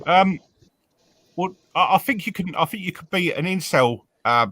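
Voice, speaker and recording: A man from England talks in a relaxed group chat, often stopping and repeating words as he works out his thoughts. He sits close to a dry-sounding mic with no room echo. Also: high-pitched. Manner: halting, repeats words while thinking.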